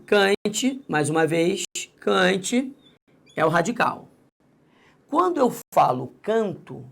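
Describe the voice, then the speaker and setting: A man's voice: high-pitched, vocal fry. A man teaching grammar in a recorded lesson, talking straight to the student and coaxing them along. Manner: lively, addresses the student directly and coaxes them along.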